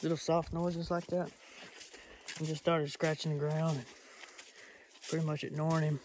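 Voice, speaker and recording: A man's voice: a little high, flat delivery, normal speed, a little mellow, a little hiss or hum. A man talking casually to his own camera outdoors, rambling with many fillers and restarts as he explains things. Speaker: hunting vlogger. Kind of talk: casual self-filmed vlog talk. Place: outdoors on rural land. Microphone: self-filmed camera.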